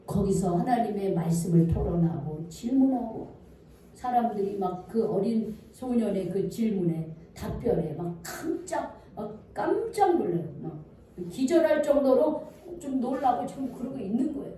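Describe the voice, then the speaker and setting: A woman's voice: medium pitch, animated, normal speed, dark tone, a little hiss or hum. A woman pastor preaching a sermon in a church, putting questions to the congregation and answering them herself. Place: church sanctuary. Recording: echoey church hall, voice from far off.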